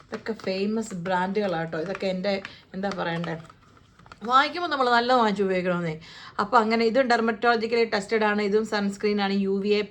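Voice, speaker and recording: A woman's voice: medium pitch, fast. A woman with a Malayali accent chatting casually through a shopping haul, playful and joking about how to pronounce brand names. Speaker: vlogger. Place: home, living in the UAE.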